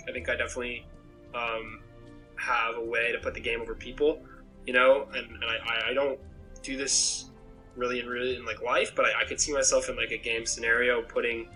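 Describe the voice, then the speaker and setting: A young man from Maine, a game contestant, talks about himself in a rambling, reflective pregame interview, often restarting his sentences. His medium-pitched voice sounds pushed and bright, coming through a rough laptop webcam call from a small bedroom.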